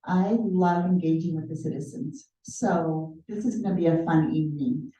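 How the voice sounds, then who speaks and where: A middle-aged woman who serves as mayor offers a chatty, upbeat welcome at a community meeting in a city hall community room, laughing easily. Her voice is fairly low and warm, at a moderate pace. The recording sounds dull and echoey, with her far from the mic.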